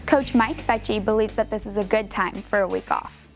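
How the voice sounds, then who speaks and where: A teenage girl anchoring the sports segment of a school news show, reading a steady script. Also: mid-range voice, normal speed, faint music behind. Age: teens.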